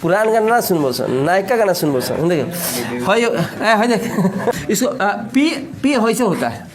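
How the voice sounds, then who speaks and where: A man's voice: high voice, very animated, unhurried, crowd noise. A man teaching a physics class, explaining step by step and teasing his students with joking dialect asides.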